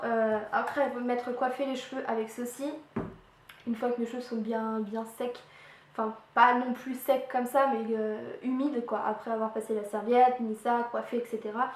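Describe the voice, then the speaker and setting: A young woman chatting casually through a beauty product review, with lots of fillers and little playful sound effects, recorded on a camera mic at home. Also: fairly high pitch. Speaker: beauty vlogger. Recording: echoey room with faint hiss.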